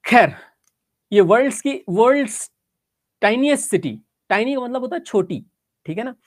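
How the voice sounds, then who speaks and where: A woman's voice: fairly high pitch, expressive, normal speed, no echo, studio quality. A woman teacher giving a geography lesson, explaining step by step, checking in with her students and mixing English phrases into her Hindi.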